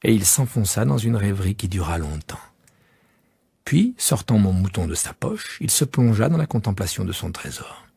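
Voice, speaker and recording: A man calmly reading a storybook aloud as the narrator. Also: on the low side, moderate pace, vocal fry, breathy edge, dry recording.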